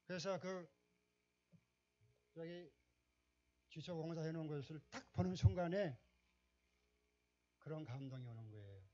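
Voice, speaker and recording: Pastor preaching with emphatic swells. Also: male voice, fairly high pitch, a little slow, pauses often. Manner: storytelling, rising to loud emphatic exclamations. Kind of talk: sermon. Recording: dull, muffled recording.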